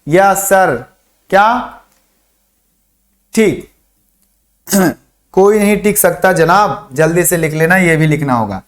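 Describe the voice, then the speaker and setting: High-voiced man teaching chemistry mnemonics. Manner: drills mnemonics, repeats phrases slowly for dictation; asks and answers his own questions. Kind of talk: online classroom lesson.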